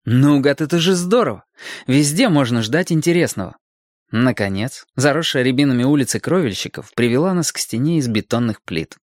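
A man narrating a story as an audiobook, calm and reflective in his storytelling. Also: mid-range voice, fairly quick, no room sound, studio quality.

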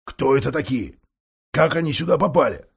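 A man's voice: mid-range voice, expressive, brisk, slightly rough. A man voicing a grumpy, half-deaf old male dwarf lord who grumbles and mishears words.

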